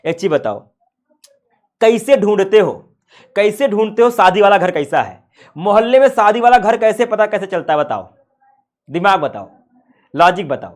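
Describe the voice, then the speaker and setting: Man, high voice, playful teacher, rhetorical questions. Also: expressive, moderate pace, long pauses. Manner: playful, asks rhetorical questions, calls students "son". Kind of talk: classroom science lecture.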